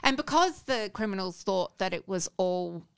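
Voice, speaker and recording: Woman, australian accent, bright voice, animated storyteller, podcast co-host. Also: medium pitch, moderate pace, vocal fry, clean tone. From Adelaide, Australia. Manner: animated storyteller, laughs often. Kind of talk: casual panel chat.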